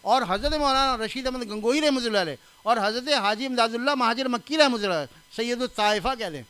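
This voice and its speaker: High-voiced older man giving a sermon. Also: a bit bright, clear, resonant tone. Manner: conversational, anecdotal, stresses correct pronunciation; laughs at his own anecdotes. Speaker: religious scholar giving a reform talk.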